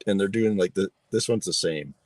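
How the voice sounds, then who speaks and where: A man's voice: deep voice, brisk, dry recording. A man on a casual podcast, easygoing, adding joking asides.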